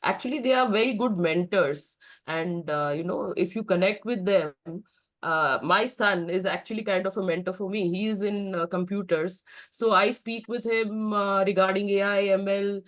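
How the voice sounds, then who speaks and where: A woman's voice: medium pitch, normal speed. Middle-aged Indian-accented woman in casual discussion. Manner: mixes Hindi phrases into English. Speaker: participant in a networking discussion.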